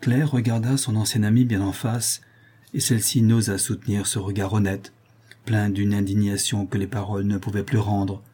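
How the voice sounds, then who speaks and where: Dark, husky-voiced male narrator. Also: fairly low pitch, flat delivery, moderate pace. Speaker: audiobook reader. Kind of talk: literary narration.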